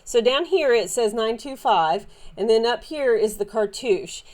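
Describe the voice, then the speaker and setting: A woman's voice: on the high side, lively intonation, a little slow, darkish tone. Chatty Southern woman showing her finds. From Southern United States. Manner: chatty, meandering, many fillers and restarts. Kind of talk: casual show-and-tell haul.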